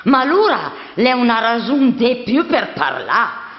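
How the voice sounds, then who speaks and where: Stage reading: female actor as devoted, prying Milanese housekeeper, slow and exclamatory, muffled reverberant hall. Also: on the high side, big pitch swings. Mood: coaxing. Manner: pressing, questioning, exclamatory. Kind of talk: theatrical dialect reading.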